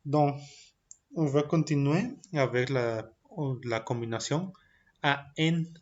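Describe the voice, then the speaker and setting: A man's voice: a little high, a little mellow, highs cut off. A man teaching a recorded French lesson for young children. He says each point in French, then repeats it in Spanish, and drills the pronunciation carefully. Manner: slow and deliberate, drilling pronunciation. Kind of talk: recorded primary-school language lesson.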